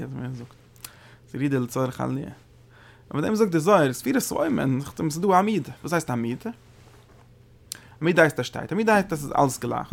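Gravelly-voiced man teaching a religious text. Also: medium pitch. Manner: halting, repeats words and restarts phrases; sudden emphatic rises when stressing a point. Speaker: Torah teacher. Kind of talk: religious study lecture.

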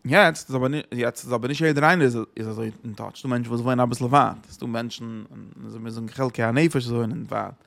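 A man's voice: medium pitch, steady tone, a little fast, gravelly, hardly any pauses, fairly bright tone. A man giving a religious lesson who asks rhetorical questions and repeats his phrases. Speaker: Torah teacher.

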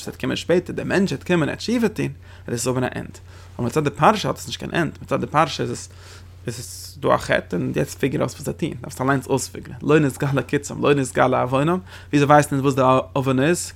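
A man teaching a lesson on religious texts, explaining quickly and often posing rhetorical questions to his listeners. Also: medium pitch, vocal fry, a bit bright. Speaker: Torah teacher.

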